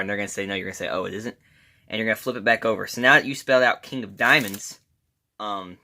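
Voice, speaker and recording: Bright-voiced, low-pitched man teaching casually. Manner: informal, addresses viewers as guys. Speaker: amateur magician giving a card trick tutorial. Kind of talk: casual step-by-step tutorial.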